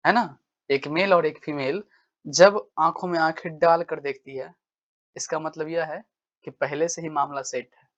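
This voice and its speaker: A man's voice: fairly high pitch, a bit bright, dull audio. Man with a stuffy cold, chatty teacher. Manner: chatty, keeps asking "right?" and "what will you say?". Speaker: English teacher. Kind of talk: casual exam-prep lesson.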